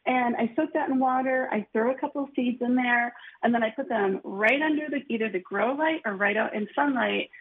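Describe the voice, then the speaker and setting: A woman chats eagerly about gardening over a tinny phone line. Her voice sits a little high and sounds husky. She talks fast and loose, dropping "like" all through. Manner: chatty, enthusiastic, lots of "like". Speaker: gardening guest. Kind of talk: casual radio call-in chat.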